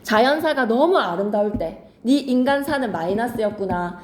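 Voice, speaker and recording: A woman teaching a poetry lesson to students, lively, switching between polite and casual speech and acting out lines dramatically. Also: fairly high pitch, normal speed, roomy sound. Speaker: Korean literature teacher. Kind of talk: classroom lecture on poetry.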